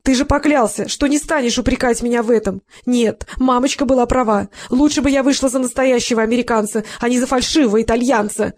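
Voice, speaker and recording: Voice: high-pitched, big pitch swings, a little fast, few pauses, a little mellow, voice pushed up. A reader voicing a plump, quarrelsome wife who shrieks her complaints. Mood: indignant. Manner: shrieking, indignant.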